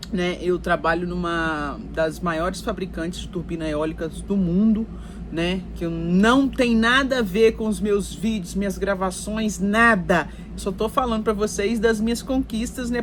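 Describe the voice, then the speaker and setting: A woman's voice: mid-range voice, normal speed, a little hiss or hum. A Brazilian woman talking casually to her viewers, telling her life story in a chatty way with lots of fillers and asides. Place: recording while in Canada.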